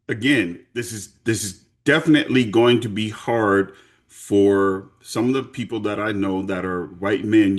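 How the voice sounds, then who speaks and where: Male host, lower register, frank and sincere, conversational delivery. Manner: candid, earnest. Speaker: podcast host. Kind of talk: conversational interview.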